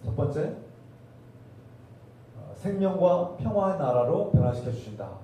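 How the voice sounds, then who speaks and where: A man's voice: fairly high pitch, very animated, measured pace, warm tone, slight background noise. Male pastor, sermon, rhetorical questions, very echoey church, distant mic. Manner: preaching with rhetorical questions to the congregation. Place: church sanctuary. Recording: distant roomy church recording.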